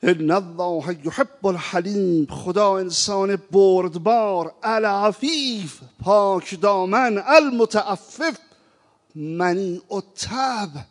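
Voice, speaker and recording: A man preaching a sermon, moving from quiet reflection to impassioned appeals and slowly chanting verses. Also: high-pitched. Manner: impassioned, rising to emphatic appeals; recites verses in a slow chanting tone. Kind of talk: religious sermon. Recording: reverberant hall.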